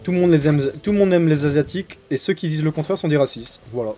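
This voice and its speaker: A man's voice: fairly high pitch, fast talker, warm tone, soft background music. A young man casually commenting on his gameplay while chatting with viewers, joking and crude. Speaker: streamer. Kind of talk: casual live game commentary.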